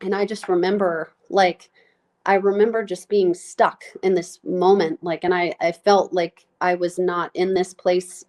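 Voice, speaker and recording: A woman telling a deeply personal story as a podcast guest. She talks in a heartfelt, halting way with many fillers and is close to tears, her voice breaking. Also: level tone, a little mellow. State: tearful, voice breaking. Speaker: nurse practitioner guest.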